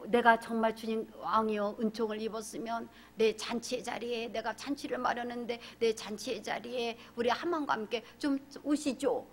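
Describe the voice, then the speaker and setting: A woman preacher voicing a young queen, careful and patient, asking in a soft, measured way. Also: fairly high pitch, fairly even intonation. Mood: courteous.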